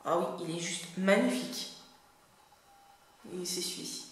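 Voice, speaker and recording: A woman's voice: fairly low pitch, measured pace. Chatty woman in a very echoey room. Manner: chatty and hesitant, many fillers. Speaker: beauty vlogger. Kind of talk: casual makeup review.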